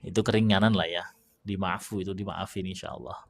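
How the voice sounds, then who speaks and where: On a live stream, a man teaches Quran recitation, reading viewer questions aloud and slowly demonstrating letter sounds in a relaxed, chatty manner. His voice is deep and creaky, with a slight hiss or hum in the audio.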